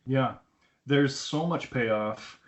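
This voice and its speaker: Talking extremely slowly in a mid-range voice, a man who hosts a film review podcast casually retells a film's plot with a fan's enthusiasm, performing the quoted lines himself. The conversation happens over an internet call with dull, lo-fi audio.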